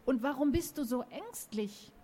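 A woman voicing a friendly male donkey in a children's storybook reading, calm and matter-of-fact. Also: high voice, a little slow, voice pushed up. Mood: plain.

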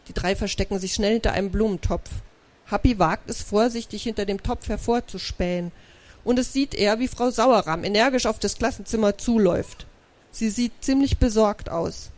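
A woman, the author, reading her children's book aloud to a live audience with lively storytelling. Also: medium pitch, normal speed.

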